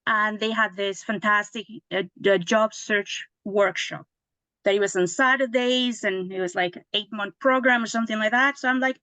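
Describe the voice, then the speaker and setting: A woman's voice: mid-range voice, steady tone, normal speed, bright, forceful tone, dry recording. A woman, a lawyer telling her story in a casual interview, chatty with many restarts and tag questions. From Mexico. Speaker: guest lawyer.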